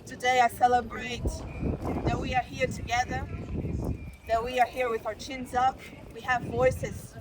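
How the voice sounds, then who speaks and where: A man's voice: very high voice, level tone, a little slow, background noise. A man giving a declamatory speech to a gathering.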